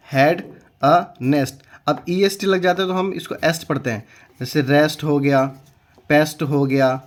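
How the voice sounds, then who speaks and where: A young man teaching English reading in Hindi, spelling words out letter by letter, repeating them slowly, and often checking in with "okay". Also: a little high. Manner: slow, patient spelling out letter by letter.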